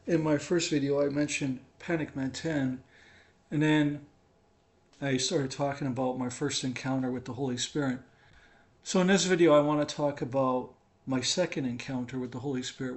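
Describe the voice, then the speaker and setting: A man's voice: mid-range voice, vocal fry. A man in a home living room, casually telling a personal testimony, rambling and checking in with "right?" and "okay?".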